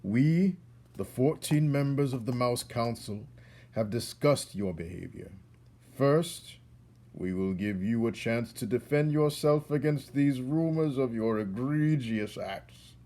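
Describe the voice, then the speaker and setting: A man's voice: medium pitch, lively intonation, takes it slowly, mellow, voice pushed up. Man voicing a stern, pompous head mouse. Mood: solemn, formal. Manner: formal, indignant, authoritative declaiming.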